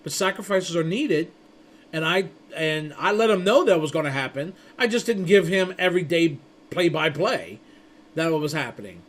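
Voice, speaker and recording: Rambling, high-pitched male course instructor. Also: lively intonation, moderate pace, a bit bright. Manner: rambling with frequent restarts and stumbles; chatty storytelling with acted-out quotes. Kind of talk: casual spoken lecture.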